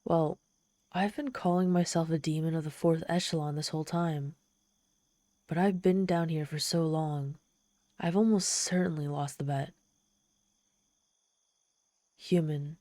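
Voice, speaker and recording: A woman voices a proud, theatrical female demon who recounts her tale directly to the listener in an ASMR roleplay, sounding dismayed and flustered. Her slightly low, mellow voice is dry and roomless, and her haughty delivery falters whenever embarrassment and exasperation take over.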